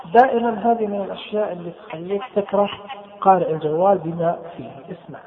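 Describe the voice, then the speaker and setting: A man, walking listeners through software settings step by step and repeating key terms. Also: high voice, quick pace. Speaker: instructor. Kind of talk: screen-reader software tutorial. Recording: tinny phone-like sound with long reverb.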